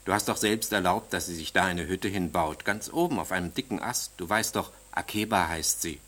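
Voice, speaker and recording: A man's voice: low-pitched, a little fast. A man voicing an impatient, bossy queen in a storybook fairy tale, speaking in a raised, scolding voice. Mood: insistent. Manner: sharp, scolding.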